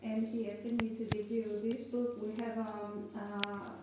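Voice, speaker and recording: A faculty member, a woman, speaking slowly and politely while presenting a gift to a guest. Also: medium pitch, flat delivery. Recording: echoey room, distant mic, noise.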